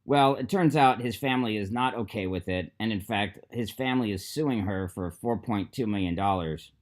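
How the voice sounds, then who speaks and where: A man's voice: fairly low pitch, normal speed. A man reading text messages aloud as a video host, adding sarcastic asides between them.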